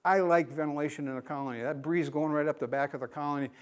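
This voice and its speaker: At a quick pace with a steady, high-leaning voice, a U.S. man in his sixties gives a plain-spoken beekeeping lecture at a conference in a classroom, asking his audience questions as he proceeds.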